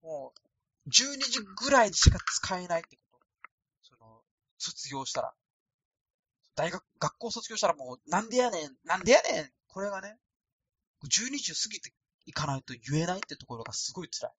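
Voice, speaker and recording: Solo podcaster from Osaka, male, thin husky voice, lively pitch, dry close recording. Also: moderate pace, pauses often. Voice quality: thin, light voice. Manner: rambling, self-deprecating and casual. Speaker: podcast host. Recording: dry, no added echo.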